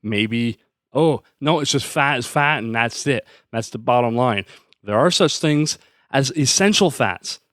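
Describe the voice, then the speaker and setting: A man hosts his own podcast and rants in a sarcastic, worked-up way. His voice sits at an ordinary middle pitch. The recording is dry and close, with no room echo. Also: lively intonation, a little slow, a bit bright. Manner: fired-up, sarcastic ranting. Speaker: podcast host. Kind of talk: solo podcast rant.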